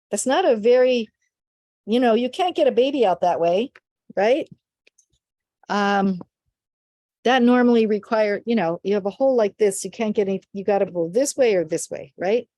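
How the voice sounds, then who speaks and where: An older woman in a dry, close recording, a midwife telling a story from her work. She speaks at a middle pitch and livens the tale by putting on the voices of the people she describes, with no room echo around her. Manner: animated storyteller, acts out quoted voices. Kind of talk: storytelling in an interview.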